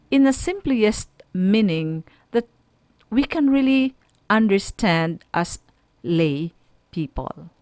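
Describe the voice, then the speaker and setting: Delivering a lesson over the radio at a relaxed pace, a Filipino-accented woman teacher speaks in brief, halting bits, stressing words firmly while her pitch moves expressively. The recording is close, dry and a little mellow.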